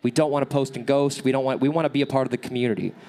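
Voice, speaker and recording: Talking very fast at a medium pitch, this nasal-voiced workshop speaker coaches his audience live from an event stage. Between answers to questions he checks in energetically, often tossing out "okay?" and "right?".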